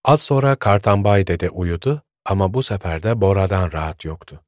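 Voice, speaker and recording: A man narrating a story in a calm, measured storytelling voice. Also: low-pitched, no room sound, studio quality.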